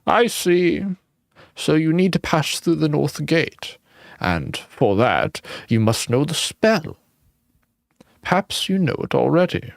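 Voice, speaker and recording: A man voicing a frail, ancient male ghost noble in a thin, high, quavering voice. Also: expressive, slow pace, creaky, no room sound, clean studio sound, exaggerated voice. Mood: solemn, quavering.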